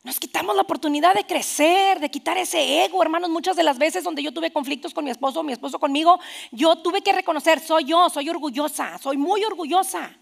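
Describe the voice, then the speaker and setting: Woman pastor in her thirties, a high, gravelly voice, animated preaching with soft whispered asides. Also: a little fast. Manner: animated, quoting others in asides. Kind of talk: sermon.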